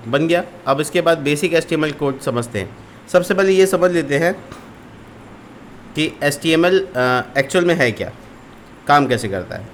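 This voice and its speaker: A man's voice: fairly high pitch, a little hiss or hum. A man teaching a screen-recorded programming lesson, explaining step by step with repeated terms and frequent fillers. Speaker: coding tutor.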